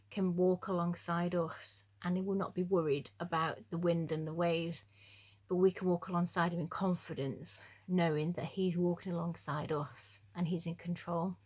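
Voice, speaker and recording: A young woman giving a casual, jokey youth devotional talk, chatty and self-deprecating with lots of fillers. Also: on the low side. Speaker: youth speaker.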